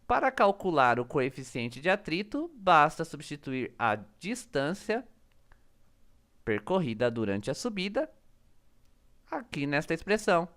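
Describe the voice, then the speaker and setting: A man's voice: fairly high pitch, sing-song, unhurried, a bit bright. A man, teaching physics as he methodically walks through a worked problem and reads out each calculation term by term. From Brazil. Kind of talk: step-by-step worked-problem explanation.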